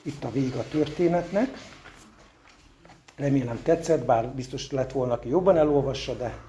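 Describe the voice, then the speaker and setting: Mellow man reading a story aloud. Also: medium pitch, slight background noise. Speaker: reader.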